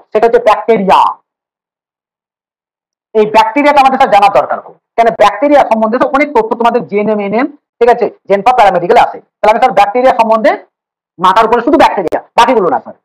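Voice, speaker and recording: Male biology tutor, rapid-fire delivery, playful teasing, repeats himself while explaining. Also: very high voice, poor audio. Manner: teasing, joking banter with students; rapid, repetitive explaining with fillers. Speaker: biology teacher. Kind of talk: casual online class lecture.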